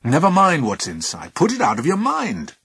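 A stern husband, voiced by a man, sharp and firm. His delivery is measured and lively in pitch. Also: slightly rough, no room sound, heavily acted.

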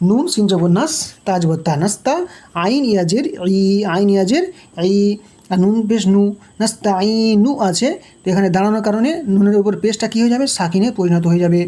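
Woman, Quran teacher, patient syllable drilling, mellow tone, slow chanting between explanations. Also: medium pitch. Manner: slow melodic chanted recitation. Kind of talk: spelled-out recitation lesson.

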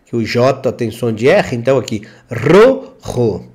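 A man teaching a language lesson over slides, repeating words slowly for pronunciation and often checking in with the learner. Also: medium pitch, big pitch swings, darkish tone, slight background noise. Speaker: Spanish language instructor.

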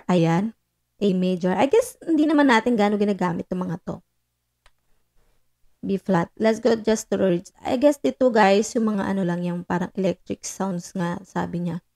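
A woman's voice: medium pitch, darkish tone. A woman vlogger chatting casually while demoing a portable sound card into her microphone, mixing English in with many fillers. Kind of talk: casual tech demo chat.

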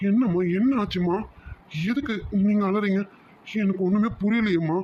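A man voicing a high, pleading young son. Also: normal speed, muffled recording, a little hiss or hum, lightly acted. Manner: pleading, confused, repeating "amma". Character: distressed young man in love, devoted son. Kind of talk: cartoon voice acting.

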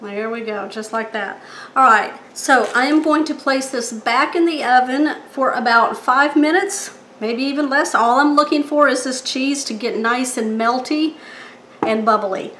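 With a high, fairly bright voice and an unhurried pace, a middle-aged woman shows viewers a recipe in her home kitchen. She's a chatty, folksy cooking host who keeps checking in with her audience, and the kitchen sounds echoey with faint noise.

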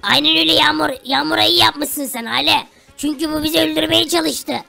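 A man doing a high gravelly poor buddy. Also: steady tone, a little fast, bright, forceful tone, soft background music, exaggerated voice. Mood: agreeing. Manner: calls everyone brother, urges others on. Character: poor young male sidekick, pushy buddy. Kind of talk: Minecraft role-play.

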